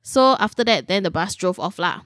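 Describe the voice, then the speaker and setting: Female Singaporean storyteller, chatty Singlish with particles and check-in tags, lively intonation, dry studio-like sound. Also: mid-range voice, a little fast, no room sound. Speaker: podcast host telling a story. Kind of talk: casual Singlish storytelling among friends.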